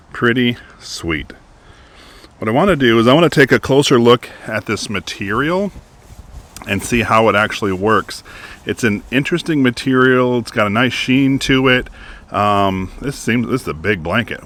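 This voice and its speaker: A man's voice: mid-range voice, a bit bright. A man chatting casually and upbeatly as he reviews a product, partly outdoors at a beach. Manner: chatty, upbeat, thinking aloud.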